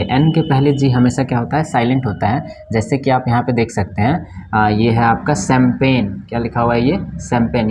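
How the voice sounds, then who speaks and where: A man at a middle, ordinary pitch teaches a pronunciation lesson in a patient classroom way. He keeps asking the class what a word is read as, then answers it himself. Short check-ins punctuate every point. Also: darkish tone, slight background noise. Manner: repeats questions and answers them himself; frequent checking fillers like "okay, right". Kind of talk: classroom lesson explaining rules.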